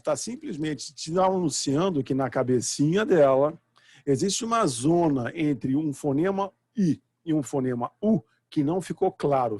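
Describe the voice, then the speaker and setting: Husky-voiced Brazilian male lecturer. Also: fairly high pitch, a little mellow, dry recording. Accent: Brazilian Portuguese. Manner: explanatory, often checks with "entendeu?". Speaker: university lecturer. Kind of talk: live online lecture. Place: home.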